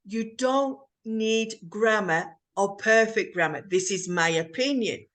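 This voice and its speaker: A woman hosting an English conversation lesson, explaining earnestly and deliberately. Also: mid-range voice, a bit bright. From north. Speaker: host and English teacher.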